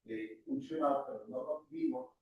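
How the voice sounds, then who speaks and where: A man's voice: fairly high pitch, huge pitch swings, normal speed, narrow, tinny audio. Distant man answering in an echoey room. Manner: hesitant, with fillers. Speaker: student in the class. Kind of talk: answering a question in class.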